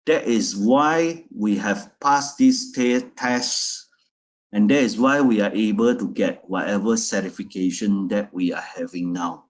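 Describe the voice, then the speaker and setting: A man's voice: fairly low pitch, measured pace. A man presenting a product in a loose, repetitive way, often restarting his phrases.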